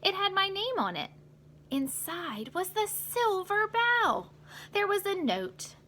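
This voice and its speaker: A woman's voice: very high voice, very animated, takes it slowly, pushed and bright. A woman reading a children's storybook aloud as a teacher, expressively, with little asides to young listeners about the pictures.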